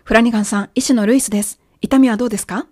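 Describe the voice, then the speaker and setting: A woman's voice: fairly high pitch, fairly even intonation, mellow, no echo, clean studio sound. Patient Japanese-speaking woman teaching English. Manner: clear, patient explaining, careful slow English examples. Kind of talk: language lesson narration.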